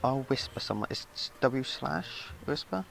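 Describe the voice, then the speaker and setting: A young man chatting while playing an online game with a friend, teasing and quick to laugh. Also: mid-range voice, expressive, gravelly, a bit bright, slight background noise. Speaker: co-player. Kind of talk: casual gaming chat.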